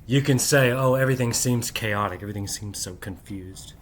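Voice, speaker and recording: Crowd noise can be heard behind a middle-aged channel host speaking briskly in a mid-range voice. Alone at night, he addresses the camera in a rambling monologue, repeating "right?" after most thoughts and keeping his voice down so his family won't wake.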